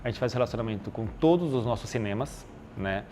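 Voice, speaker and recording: A man's voice: on the low side, fairly quick, a little hiss or hum. A man with a Brazilian Portuguese accent, a podcast guest talking casually about his marketing job, with lots of fillers. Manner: relaxed, explanatory, lots of fillers.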